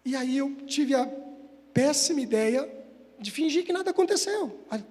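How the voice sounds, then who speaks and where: A man's voice: very high-pitched, lively intonation, moderate pace, darkish tone. A man giving a Spiritist lecture, telling a personal story in an emotional, conversational way and speaking directly to his audience. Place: hall of a Spiritist center. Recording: long hall reverb.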